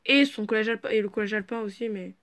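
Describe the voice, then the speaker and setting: A woman reading a fan fiction aloud at home in a casual way, often stopping to comment, swear and shout excitedly. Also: medium pitch, fast talker. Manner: excitable, swears freely, breaks off to joke and shout.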